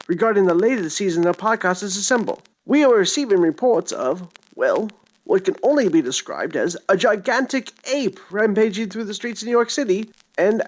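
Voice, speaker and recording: A breathless vintage newsreader rattles through a dramatic bulletin in a grand, exaggerated announcer cadence, as someone puts him on. The voice sits at a middling pitch and keeps tipping into overexcited exclamations. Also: natural voice, low-quality recording. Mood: urgent. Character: frantic old-time newsreader, excitable, theatrical. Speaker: mock news announcer in a podcast promo. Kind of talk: retro emergency radio bulletin parody.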